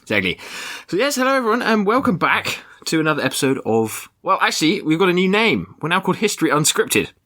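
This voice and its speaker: A man's voice: sits high, very animated, fast, few pauses, bright, forceful tone. A man hosting a podcast in casual conversation, recorded in the attic of a house. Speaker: podcast host. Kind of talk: casual chat. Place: attic room of a family house.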